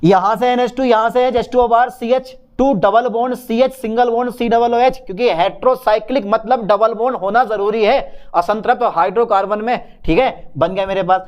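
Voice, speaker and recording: High-voiced man teaching chemistry. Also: fairly even intonation, normal speed, hardly any pauses, smooth. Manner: talks to students as "beta" and "sahab", answers his own questions in a student's voice. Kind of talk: whiteboard lecture.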